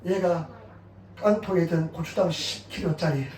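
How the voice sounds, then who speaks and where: A middle-aged man pastor giving a sermon with personal testimony, telling his stories in an animated way and chuckling along. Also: on the high side, moderate pace. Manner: animated storytelling, chuckling at his own anecdotes. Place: church sanctuary. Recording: echoey church hall, mic at a distance.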